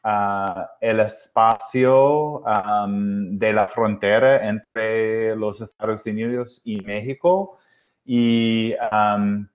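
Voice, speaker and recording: Slow, halting man, American accent in Spanish. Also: fairly low pitch. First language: English. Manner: hesitant, searching for words. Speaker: guest lecturer. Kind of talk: informal lecture in halting Spanish mixed with English. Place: small room at home, indoors. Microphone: wired earphone headset on a video call. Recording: dull, lo-fi video-call audio.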